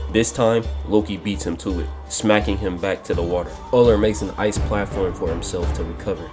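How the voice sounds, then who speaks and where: A man giving a scripted narration of a game story and walkthrough, steady and explanatory, over clear background music. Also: deep voice.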